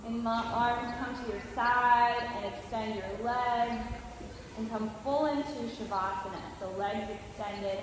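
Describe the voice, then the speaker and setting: A woman yoga teacher guiding relaxation in a gentle, soothing, reassuring manner. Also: a little high. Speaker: yoga teacher leading a class. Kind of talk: guided yoga and relaxation instruction. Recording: very echoey hall with clear noise.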